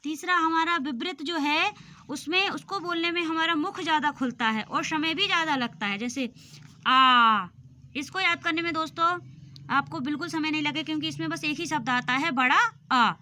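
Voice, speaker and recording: A woman's voice: high-pitched, a little fast, sharp tone, a little hiss or hum. A woman teaching a grammar lesson for exam preparation, patiently explaining and sounding out vowels aloud.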